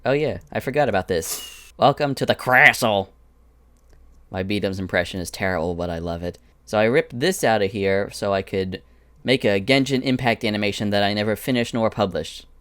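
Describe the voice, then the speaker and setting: A man's voice: fairly low pitch, a little fast, smooth, no room sound. A man giving a casual, chatty walkthrough of his animation sets, drifting into asides as he goes. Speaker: animator showing his Minecraft prop world. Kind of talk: casual screen-recorded walkthrough.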